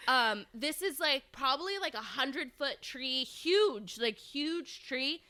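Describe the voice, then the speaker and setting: A woman co-hosting a podcast in casual, slangy banter, with a halting, giggly way of talking. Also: sits high, animated, bright, forceful tone. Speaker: podcast co-host.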